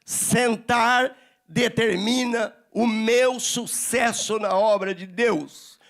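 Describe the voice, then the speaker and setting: High, gravelly-voiced preaching man. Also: extremely slow. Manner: animated preaching, acts out dialogues. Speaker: pastor. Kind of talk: sermon.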